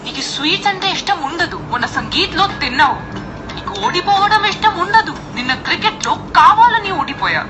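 A fiery young woman who teases her partner. Her voice is very high and lively. Music plays under her. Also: brisk, rough recording. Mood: teasing. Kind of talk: film dialogue.

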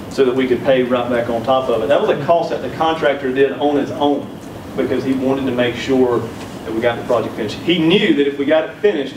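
Recorded from a distance in an echoey conference room, a keynote speaker tells folksy, funny stories through a handheld mic. He's a man in his thirties from South Carolina with a Southern accent and a medium-pitched voice, and background noise can be heard.

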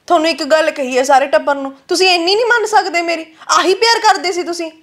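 A woman's voice: high voice, fast, natural voice. An actress playing a stubborn young woman who defies her family about her marriage. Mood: defiant. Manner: defiant, insistent. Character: stubborn young daughter, defiant and tearful. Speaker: daughter. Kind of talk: rural Punjabi web drama acting.

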